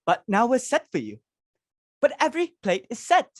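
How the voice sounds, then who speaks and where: In a stage comedy reading, a woman plays a flustered, imperious middle-aged society hostess and mother, gushing and insistent, exclaiming dramatically and repeating herself for emphasis. Her slightly high voice swoops wildly in pitch at a moderate pace. The studio-quality recording has no room sound.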